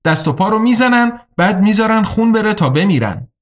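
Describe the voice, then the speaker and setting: A man voicing a sharp, determined young woman in an audiobook, speaking in an earnest, urgent way. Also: medium pitch, animated, pitched above the performer's own voice, close to an everyday voice.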